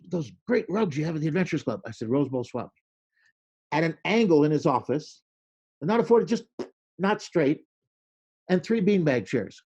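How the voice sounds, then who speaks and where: A man telling animated stories in a casual interview, acting out quoted lines with a loud voice. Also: on the high side, breathy edge, dull audio. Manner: animated storyteller, acts out quoted lines loudly. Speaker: podcast guest, creativity speaker.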